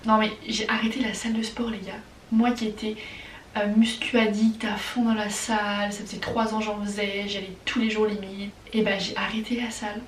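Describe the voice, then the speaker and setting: A young woman from France with a French accent, chatting casually and excitably as she answers viewer questions in a vlog. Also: mid-range voice, reverberant, far from the mic, a little hiss or hum. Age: young adult. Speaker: vlogger.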